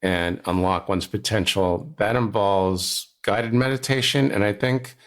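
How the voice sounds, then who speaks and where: This podcast host has a lowish, steady voice and speaks a little slowly. He interviews his guest with curious, conversational questions, adding a light dash of humor.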